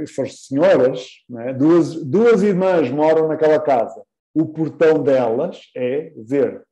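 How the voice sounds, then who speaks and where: A man's voice: medium pitch, mellow, roomy sound, poor audio. A man teaching an English class live, patiently repeating words and quizzing his students.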